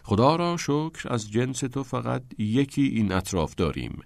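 A man's voice: mid-range voice, sing-song, vocal fry, a little mellow, dry recording. A man voicing a bookish teenage schoolboy with a lecturing, philosophical manner. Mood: dry.

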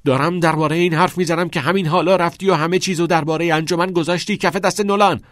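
A man voicing a hotheaded, rebellious teenage schoolboy who shouts aggressively. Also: on the low side, big pitch swings, husky, dry recording, clean studio sound, heavily acted. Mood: furious.

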